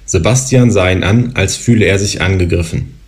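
A man in his thirties reads his own novel aloud in a calm, even way. His voice sits somewhat low, and the pace is steady and unhurried. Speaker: author reading his novel. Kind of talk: literary reading.

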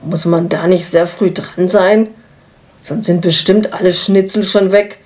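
A woman's voice: fairly low pitch, steady tone, measured pace, darkish tone, natural voice. A woman reading the lines of a laid-back, distracted middle-aged husband, speaking in a dry, matter-of-fact way. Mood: wry.

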